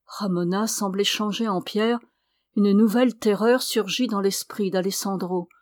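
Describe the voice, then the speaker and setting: A woman reads a novel aloud in a measured, even way, with a mid-pitched voice. Her sound is close and dry, with no room around it. It sounds like a careful audiobook narration. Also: no room sound. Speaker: audiobook reader.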